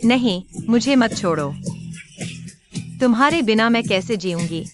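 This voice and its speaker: A woman's voice: mid-range voice, expressive, a little slow, close to an everyday voice. A woman voicing a composed young wife in a dubbed drama. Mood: pleading. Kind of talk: Hindi drama dubbing. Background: music.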